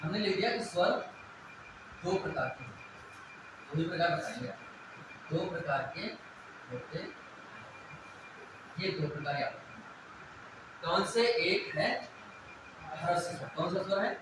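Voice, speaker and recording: Guy teaching a class, high voice, asks stuff and answers it himself, big echoey room with some noise. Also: animated, a little slow, long pauses. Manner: questions himself and repeats key points. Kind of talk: classroom lecture on Hindi grammar.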